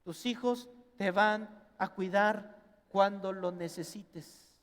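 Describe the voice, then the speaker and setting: A middle-aged man with a Mexican accent preaching a sermon as pastor, animated and acting out family members in quoted voices. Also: high voice, slow. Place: church hall. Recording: long reverb in a church hall.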